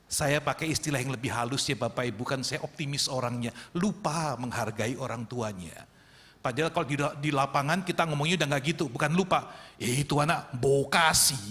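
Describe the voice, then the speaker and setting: A man preaching a sermon as pastor, lively and acting out quoted voices as he addresses the congregation. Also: medium pitch, fairly quick. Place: church sanctuary. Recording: echoey church hall.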